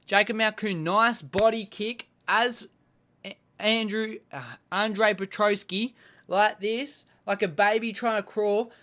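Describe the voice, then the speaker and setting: A man's voice: high voice, steady tone, slow, sharp tone. A man recapping fight-night bouts in casual chat, blunt and swearing constantly as he rants at the fighters. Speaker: MMA recap host.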